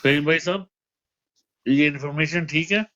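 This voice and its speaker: A man's voice: fairly high pitch, moderate pace, fairly bright tone. A man hosting a casual group call, giving short prompts and acknowledgements. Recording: dull lo-fi call audio.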